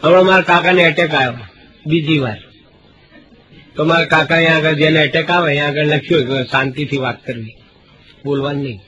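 A middle-aged man with a Kathiawadi Gujarati accent tells stand-up stories. His voice sits fairly high for a man, and he drops into hushed voices when he quotes people. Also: fairly even intonation, brisk, long pauses, lo-fi sound. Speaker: stand-up comedian. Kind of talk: Gujarati folk stand-up storytelling.

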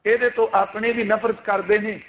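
A man with a very high voice delivers an impassioned Sikh sermon, pressing his listeners with rhetorical questions. His voice comes through thin and tinny, like over a phone line. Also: flat delivery, moderate pace. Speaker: Sikh preacher. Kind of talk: religious sermon with recited scripture.

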